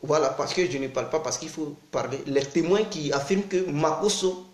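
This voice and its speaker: A man's voice: a little high, fairly quick. Insistent man in an echoey room. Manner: insistent, repetitive, urging listeners. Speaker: accusatory commentator. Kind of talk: denunciation monologue.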